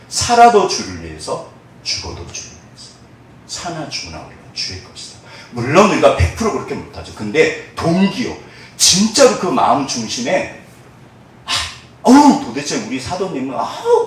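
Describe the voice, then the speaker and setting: A man preaching a sermon as pastor, lively and expressive, acting out the voices of church members and dropping to hushed tones when he prays. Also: fairly high pitch. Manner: animated, acts out quoted voices of church members; drops to soft, hushed tones in prayerful moments. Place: church sanctuary. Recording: echoey church hall, mic at a distance.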